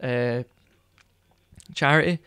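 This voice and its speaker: Smooth-voiced man rambling casually. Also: medium pitch, steady tone, slow, sharp tone, dry recording, clean studio sound. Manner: rambling, hesitant, many fillers. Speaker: podcast co-host. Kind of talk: casual chat.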